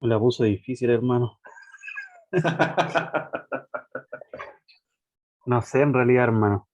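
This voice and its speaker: A man's voice: medium pitch, slow pace, a little mellow, dry recording. A man with a Chilean Spanish accent answering in class, hesitant and calling the teacher brother. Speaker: student pastor.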